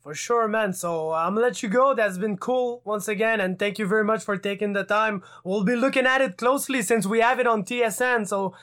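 High-voiced chatty male interviewer. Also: fairly quick, hardly any pauses, a bit bright. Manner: loose, profane, chatty. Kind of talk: casual interview.

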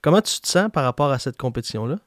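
A man's voice: mid-range voice, animated, fast, no room sound, clean studio sound. A man with a Québécois accent hosting a casual boxing podcast, chatting with fillers and hesitations. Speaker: podcast host.

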